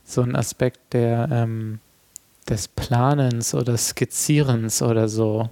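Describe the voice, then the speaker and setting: A man's voice: mid-range voice, steady tone, slow pace, dark tone. A man in a reflective conversation, speaking as an artist and hesitantly thinking aloud. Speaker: artist discussing a project.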